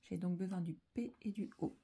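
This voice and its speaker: A woman leads young children through a slow spelling dictation, calm and deliberate, repeating each syllable and often sinking into a whisper. Her voice is fairly low and slightly rough.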